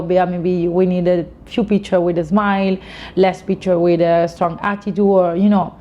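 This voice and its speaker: A woman's voice: on the low side, dark tone, dull audio, a little hiss or hum. A woman in her late twenties with an Italian accent, giving casual interview answers in informal non-native English peppered with "you know". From Italy. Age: late 20s. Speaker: interviewee, fashion model.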